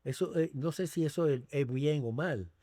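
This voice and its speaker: A male talk show host asks long, rambling questions, pausing and restarting as he goes. His voice is mellow and warm, and the recording is close and dry. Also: a little high, dry recording. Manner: conversational, long questions with hesitations and many sí, sí. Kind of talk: political talk show interview.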